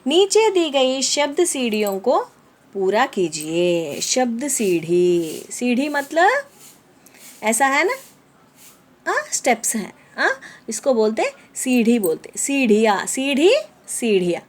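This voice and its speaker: A woman teaching young children in a slow, patient way. Her higher voice rises and falls a lot as she repeats words and checks that the class is following. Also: very animated. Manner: slow, repeating words and explaining them in English; asks children whether they understood.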